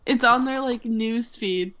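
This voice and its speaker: A woman's voice: fairly high pitch, measured pace, background noise. A young woman co-hosting a casual podcast, reading out odd news headlines and giggling. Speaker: podcast co-host bringing headlines. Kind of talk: casual chat.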